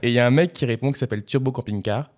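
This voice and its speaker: Un homme, chroniqueur de podcast, qui parle en discussion détendue, hésitant, avec beaucoup de mots de remplissage. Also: male voice, medium pitch, racing, a little mellow. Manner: hesitant, many fillers. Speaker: podcast columnist. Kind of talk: casual chat.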